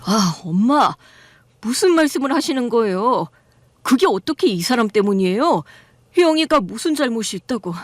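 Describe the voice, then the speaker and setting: A woman voicing a gentle, meek husband who speaks softly and pleads to calm things down. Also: a little high, moderate pace, no room sound, voice pushed up. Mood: placating. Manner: soft, pleading, placating.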